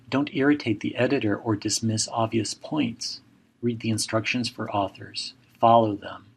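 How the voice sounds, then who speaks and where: A professor and journal editor from Mexico, a native Spanish speaker, delivers a recorded seminar lecture in a gravelly, lowish middle-aged voice. He speaks in a measured way, advising listeners with direct imperatives.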